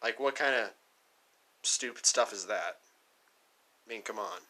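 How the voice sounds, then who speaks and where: A man hosting a reaction video with a very bright, sharp-edged voice. His commentary is casual and slangy, built on exasperated rhetorical questions. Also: lowish voice, measured pace, slight background noise.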